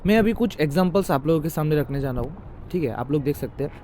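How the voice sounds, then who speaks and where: High-voiced man teaching grammar. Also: animated, quick pace, warm tone, slight background noise. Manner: explains by quizzing the viewer with repeated questions. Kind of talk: classroom-style grammar lesson.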